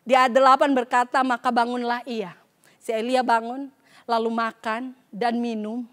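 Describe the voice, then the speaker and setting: High-voiced woman pastor preaching. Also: little pitch movement, normal speed. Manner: mixes English phrases into her preaching; acts out voices when quoting scripture. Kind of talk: sermon. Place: church service.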